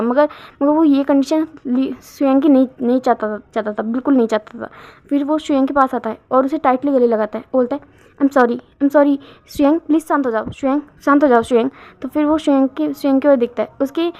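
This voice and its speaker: A woman casually narrating a fan story, halting and often repeating words. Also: high-pitched, mellow. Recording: dull lo-fi recording.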